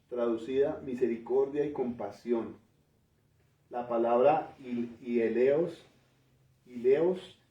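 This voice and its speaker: A man's voice: medium pitch, dark tone. Man preaching from far off in an echoey church. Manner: explanatory, often ends phrases with a questioning "¿no?"; pauses and restarts while working through word meanings. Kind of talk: teaching sermon. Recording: roomy, distant, dull church recording.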